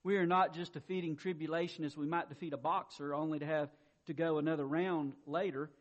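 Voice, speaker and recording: A man preaching a sermon, reading quietly and then building to loud, emphatic exclamations with repeated words. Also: on the high side, fairly even intonation, fairly quick, dull audio. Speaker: pastor.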